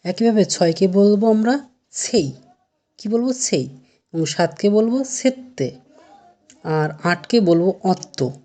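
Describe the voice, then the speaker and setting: A woman teaching a language lesson, asking a question and then answering it, repeating each word slowly. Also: mid-range voice, animated, mellow. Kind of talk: slow spoken language lesson.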